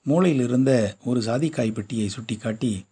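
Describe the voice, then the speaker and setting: A man narrating a short story in a steady storytelling manner. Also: medium pitch, normal speed, slightly rough.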